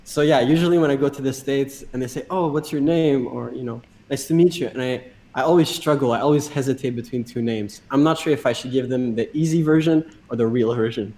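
A man's voice: mid-range voice, fast talker, hardly any pauses, a little mellow. Friendly man. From Quebec, Canada. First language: French. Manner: friendly, laughing, repeats words. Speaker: guest, dancer. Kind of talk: casual video call chat.

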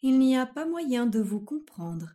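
An actress plays a fussy, overly courteous woman who can never follow what is asked. She speaks very slowly and deliberately in a mellow, darker tone, in a surreal comic sketch. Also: high voice, sing-song. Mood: overly polite. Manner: formal, deliberate, fussy politeness. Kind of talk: surreal comic dialogue acting.

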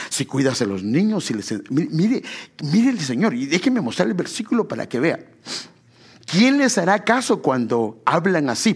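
Husky animated preaching man. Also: mid-range voice. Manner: animated preaching with quoted asides and laughs. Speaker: pastor. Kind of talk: sermon.

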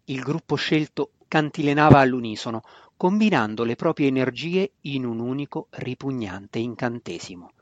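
A man's voice: mid-range voice, animated, normal speed, few pauses, dry recording. Man narrating a fantasy novel, dry sound. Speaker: audiobook narrator. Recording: dry, slightly dull lo-fi recording.

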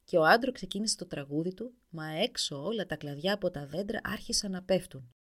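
A woman narrating a folk tale in an expressive storybook reading. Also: lowish voice.

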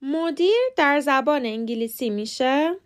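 A woman who speaks Persian as her first language hosts a podcast lesson, explaining calmly and clearly and saying model words slowly. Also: high-pitched, over music. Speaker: podcast host teaching English pronunciation.

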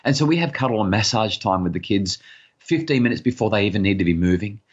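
A middle-aged man talks as a guest on a parenting podcast. His voice sits low and has a breathy, husky edge. He speaks earnestly and often stumbles over repeated words, and the audio comes through muffled and lo-fi. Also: animated, quick pace. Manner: earnest, repeats words when starting sentences; acts out harried parent voices in higher pitch. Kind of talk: podcast interview conversation.

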